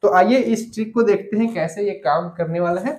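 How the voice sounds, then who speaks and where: A man's voice: high-pitched, a little fast, a little mellow. Echoey male teacher explaining step by step. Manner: explains step by step, repeats key points, asks students questions. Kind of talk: online grammar lesson. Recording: echoey room.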